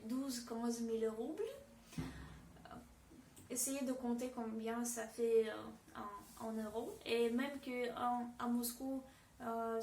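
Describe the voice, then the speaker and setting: With a somewhat mellow voice on the high side, this Russian-accented woman teaches pronunciation, hesitating as she goes and repeating example words. The sound is reverberant and distant from the mic, with slight background noise.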